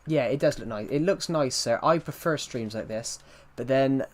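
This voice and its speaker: Chatting from his home PC on a livestream, a man rambles through replies to viewers' messages. He talks at normal speed in a mid-range voice, his thick accent bearing down heavily on every R.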